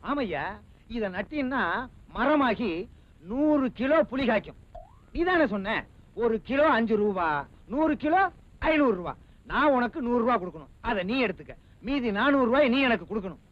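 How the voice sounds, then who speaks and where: A mocking, wisecracking employer in a film comedy. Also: male voice, extremely high pitch, animated, moderate pace. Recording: dull lo-fi film audio.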